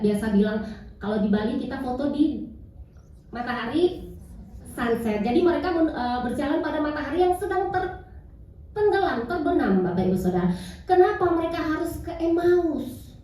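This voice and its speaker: A middle-aged woman preaches with a high, mellow voice, often turning to the congregation and calling for amens. The sound is drenched in hall echo and picked up from a distance. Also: lively intonation, normal speed. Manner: repeatedly addresses congregation, calls for amen. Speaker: pastor. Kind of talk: sermon. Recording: very echoey hall, distant mic.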